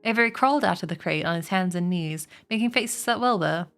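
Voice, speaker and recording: A woman reading a children's novel aloud on a stream, slowing and lifting her voice for the characters' lines. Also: on the low side, fairly bright tone, faint music behind. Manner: slows and lifts her voice for quoted characters.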